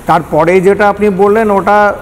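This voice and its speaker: An older man with a Kolkata Bengali accent, a former air traffic control manager, gives explanatory answers as an expert guest in a news interview. His high voice keeps fairly even intonation at normal speed as he walks through things step by step, mixing in English technical terms. The hall is echoey with background noise.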